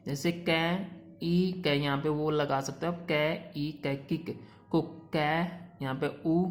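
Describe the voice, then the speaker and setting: A woman teaching a shorthand class. She reads English rules slowly and explains them in mixed Hindi and English. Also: low voice. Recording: echoey room.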